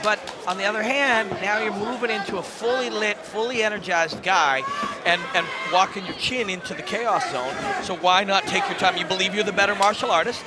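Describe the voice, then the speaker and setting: A man's voice: high-pitched, brisk, very noisy. A man analysing a live fight as a commentator, explaining technique in colourful technical phrases. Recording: broadcast over loud crowd and music. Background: loud crowd and music.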